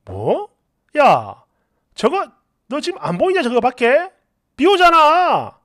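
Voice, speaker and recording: A scornful, fed-up husband barks and scolds at full volume, as a woman puts him on. The voice sits high and leaps around in pitch. Each line lands as an angry complaint. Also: wildly swooping pitch, takes it slowly, dry recording, studio quality, exaggerated voice. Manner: loud, exasperated scolding. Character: irritated, scornful adult husband.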